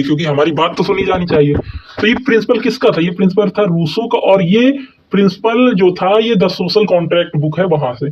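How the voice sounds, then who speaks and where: A man's voice: high-pitched, darkish tone, slight background noise. A man teaching history exam notes, who keeps asking and answering his own questions and checks in often with the listener. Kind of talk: explaining exam notes in a mix of Hindi and English. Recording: dull, lo-fi recording.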